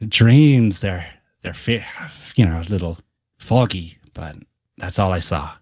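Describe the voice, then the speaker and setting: A man voicing a drowsy dreamer just waking from a dream, murmuring low and hushed in a dreamy way. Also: unhurried, breathy edge, no echo, studio quality. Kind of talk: comedic podcast bit.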